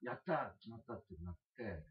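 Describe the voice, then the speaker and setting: A man's voice: lowish voice, lively intonation, a little fast. A man from Tohoku, a guest actor, earnestly telling an anecdote in an interview. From Tohoku, Japan. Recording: dull lo-fi stream audio.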